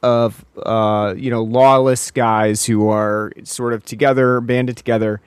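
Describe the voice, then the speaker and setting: A man's voice: medium pitch, little pitch movement, a little slow, clear, resonant tone, no room sound. A man co-hosting a podcast, chatting casually about a film, rambling with many restarts and fillers. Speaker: podcast co-host.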